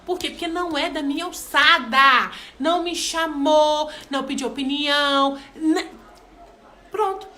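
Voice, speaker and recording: Chatty high-voiced woman. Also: unhurried, bright, forceful tone. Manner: chatty, addresses listeners as "gente", frequent "né". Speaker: devotional speaker. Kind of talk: informal devotional talk.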